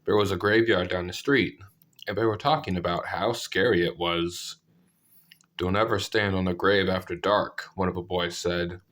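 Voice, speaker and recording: A man with a congested, sick-sounding voice narrating scary stories, with deadpan, self-deprecating asides. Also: low voice. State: sick, clearing throat. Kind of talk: scripted story narration with casual asides.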